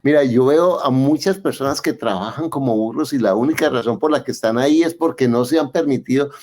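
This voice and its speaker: A man's voice: mid-range voice, fairly quick, a little mellow. Encouraging Spanish-speaking male interviewer. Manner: encouraging, emphatic. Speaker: podcast host. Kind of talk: interview and motivational closing.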